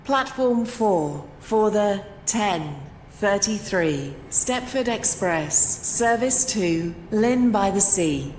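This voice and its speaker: A woman making formal, measured train station announcements over a public address system. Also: mid-range voice, animated, a little hiss or hum. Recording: echoey loudspeaker in a large hall.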